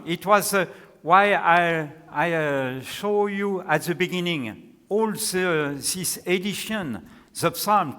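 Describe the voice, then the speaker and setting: A male academic with a French accent presents a paper and takes questions in a large hall before an audience. His fairly high voice is bright and forceful, his delivery unhurried, deliberate and halting, and the hall gives a long, echoing reverb.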